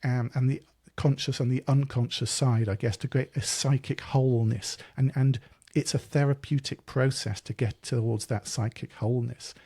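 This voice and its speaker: Podcast host, man, thoughtful and rambling, dark gravelly voice. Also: mid-range voice, fairly even intonation, normal speed. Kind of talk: interview chat.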